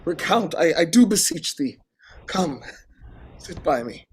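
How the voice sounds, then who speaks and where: An actor playing an anguished, long-suffering king in classical verse, with a theatrical, halting delivery that swings between hush and outcry. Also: fairly high pitch, sing-song, a little hiss or hum. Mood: pleading. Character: grief-worn, long-suffering king, anguished, hoping and doubting. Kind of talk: classical verse stage acting.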